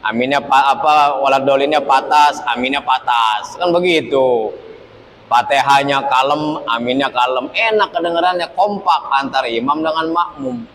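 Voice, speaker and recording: A man preaching a sermon, lively and humorous, chanting Arabic verses and acting out the imam and congregation. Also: medium pitch, moderate pace, slight background noise. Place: mosque. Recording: echoey mosque hall with faint ambience.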